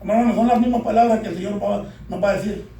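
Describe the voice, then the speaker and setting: A man's voice: sits high, steady tone, very fast, creaky, warm tone. A man preaching a sermon to a congregation, repeatedly calling out "beloved brothers" and asking them to answer back. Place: church. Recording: echoey church hall, distant from mic.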